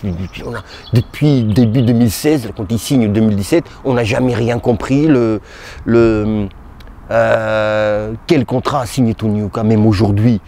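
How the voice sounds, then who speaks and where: A man giving casual, halting boxing commentary straight to his viewers, as if chatting with a friend. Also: fairly low pitch, dark tone. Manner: hesitant, halting, talks to viewers as "tu". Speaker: boxing YouTuber.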